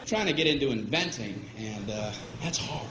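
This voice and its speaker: A man's voice: mid-range voice, animated, normal speed, roomy sound, very noisy. A male stand-up comedian with a wry, incredulous delivery who acts out the characters in his jokes. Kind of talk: stand-up routine.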